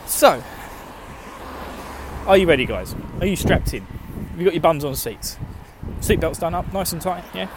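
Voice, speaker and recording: Speaking at normal speed, fairly high-pitched and expressive, the man is an Essex-born gaming show host with an Estuary English accent. His casual rambling to listeners is jokey, informal, and heavily sweary, delivered with slightly slurred, lazy diction. He's walking outdoors in an urban area, and the handheld phone picks up traffic noise.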